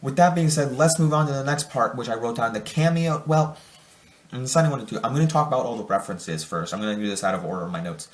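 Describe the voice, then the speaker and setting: A man's voice: medium pitch, expressive, fast, roomy sound. A young man giving a casual spoiler review of a film, rambling and enthusiastic, often restarting his sentences. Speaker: movie reviewer.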